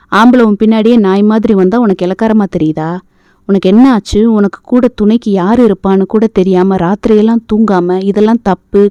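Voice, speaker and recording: A woman voicing a pushy, hot-headed young man in an audio novel, teasing and quick to shout. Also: medium pitch, dry recording, lightly acted. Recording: dull lo-fi dry recording.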